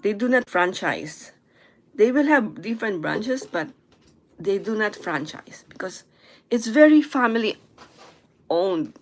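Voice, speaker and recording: A young woman from the Philippines, chatting casually and haltingly, often stopping to search for words and correct herself. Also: medium pitch, expressive. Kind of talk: casual chat.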